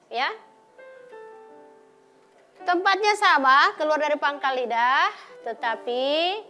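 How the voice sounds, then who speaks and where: A woman teaching Quran letter pronunciation, slowly repeating example sounds. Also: high-pitched, pushed and bright. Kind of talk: televised religious lesson.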